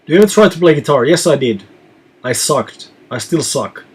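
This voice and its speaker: A man from Finland who reads out viewer questions and answers them in a relaxed live chat as a touring musician. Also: on the high side, moderate pace, slightly rough.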